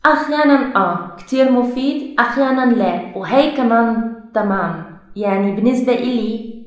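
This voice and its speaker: A young woman with a non-native Levantine Arabic accent, giving interview answers haltingly, searching for words and correcting herself. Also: on the high side, lively intonation. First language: not Arabic, speaks it as a learner. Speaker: researcher being interviewed. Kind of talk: conversational interview answers in a learned language. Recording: very echoey, reverberant room.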